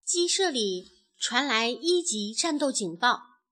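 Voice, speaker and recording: A woman, a mother, narrating a children's storybook in an expressive, animated way. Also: a little high, slow.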